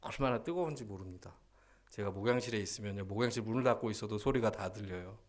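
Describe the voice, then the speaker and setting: A man's voice: lowish voice, quick pace. A male pastor preaching a Sunday sermon in a church sanctuary, emphatic and full of rhetorical questions put to the congregation.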